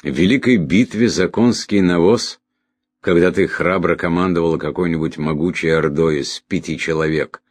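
A man's voice: low voice, normal speed, husky, no echo. A man voicing a mocking young man with a sarcastic manner.

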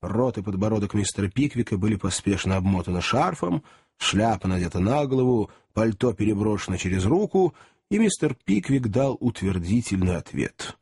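A man reading a classic novel aloud in an expressive, animated storybook narration. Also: on the low side, moderate pace, breathy edge, no echo, clean studio sound. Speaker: audiobook narrator.

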